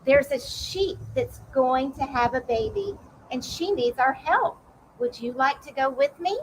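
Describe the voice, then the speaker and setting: A woman's voice: high-pitched, lively intonation, measured pace, slight background noise, low-quality recording. Friendly grandfather vet, read by a woman, eager, inviting.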